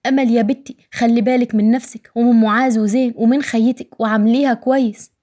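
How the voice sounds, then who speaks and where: A tender old father from a village tale, pleading softly with his daughter, as a woman storyteller reads him. He speaks in a fairly high voice and talks quickly. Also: fairly even intonation, natural voice.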